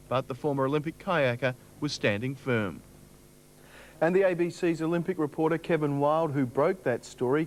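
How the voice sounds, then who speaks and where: A man's voice: fairly high pitch, a little hiss or hum. A man with an Australian accent hosting a sports show, reading scripted sports news.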